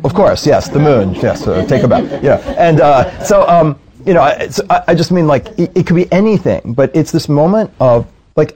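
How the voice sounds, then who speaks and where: A man who serves as a rabbi talks in a reflective, conversational way. His voice is warm and mellow, and he sits in the middle range for pitch. He keeps an earnest tone and drops into quoted voices as he tells his stories.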